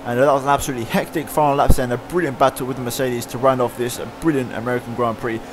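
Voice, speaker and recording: A man giving fast play-by-play commentary over his own racing game. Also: medium pitch. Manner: fast excited play-by-play, winding down later. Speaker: gaming YouTuber. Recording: loud racing game engine noise behind.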